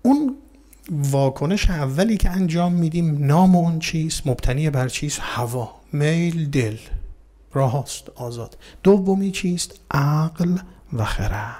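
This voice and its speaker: A man delivers a religious lecture in a somewhat high, mellow voice. He keeps asking his listeners questions and answering them himself, and he speaks to them courteously, as to dear friends. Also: animated. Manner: addresses listeners politely and warmly. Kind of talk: explanatory religious talk.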